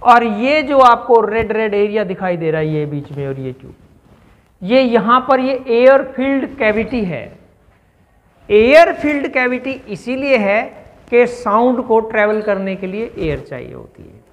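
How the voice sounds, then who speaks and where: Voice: mid-range voice, animated, measured pace, in a large hall, highs cut off. A teacher giving a step-by-step classroom science explanation and checking in with listeners through questions.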